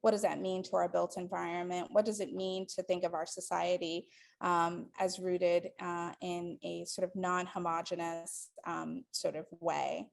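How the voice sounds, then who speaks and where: A woman in her forties from the Dominican Republic gives a guest lecture to a live audience in a hall. Her voice is on the low side and creaky, with a flat delivery and measured pace, and she thinks aloud with many ums and restarts.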